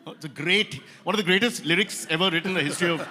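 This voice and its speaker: A man with an Indian accent hosting a live comedy roast on stage, teasing guests in quick banter. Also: sits high, noisy background. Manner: teasing rapid banter with crowd asides. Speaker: comedian host. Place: event hall stage. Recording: reverberant event hall.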